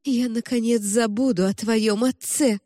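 A woman's voice: fairly high pitch, fairly even intonation, a little slow, mellow, dry recording, studio quality, long reverb tail, voice pushed up. A woman voicing a frantic, overeager mother with an exclamatory, giddy manner. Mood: overjoyed.

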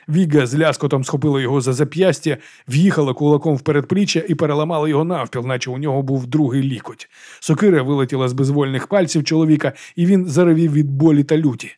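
A man's voice: on the high side, fast, mellow. A man narrating a fantasy audiobook with dramatic storytelling.

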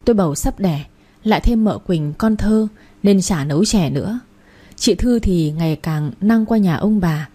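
Woman narrating a story, soft husky voice. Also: mid-range voice, expressive, normal speed. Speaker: audiobook narrator. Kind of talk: first-person storytelling narration.

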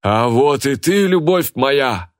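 A man's voice: on the low side, expressive, normal speed, no echo, studio quality. A man voicing a jealous, burly young woman who bellows and bosses everyone around. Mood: furious. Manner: bellowing and bossy.

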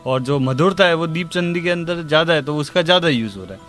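Man teaching tabla over drumming. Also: fairly high pitch. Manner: explains calmly, then slowly recites tabla syllables. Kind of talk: spoken music lesson. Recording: tabla music in background. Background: tabla playing.

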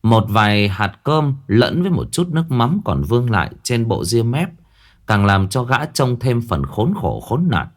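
A man narrating a horror story in an expressive, colloquial way. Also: mid-range voice, moderate pace.

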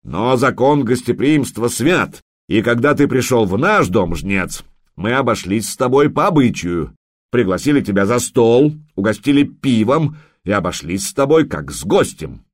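A man's voice: medium pitch, lively intonation, moderate pace, no echo, studio quality, voice pushed up, natural voice. A man voicing a furious young berserker warrior who roars and snarls his words. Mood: furious roaring. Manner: roaring, snarling.

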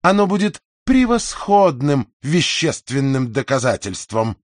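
A man voicing a nagging, sharp-tongued middle-aged landlady in an audiobook, scolding and insistent. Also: mid-range voice, sing-song, unhurried, no room sound, clean studio sound. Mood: threatening. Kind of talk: audiobook character voice.

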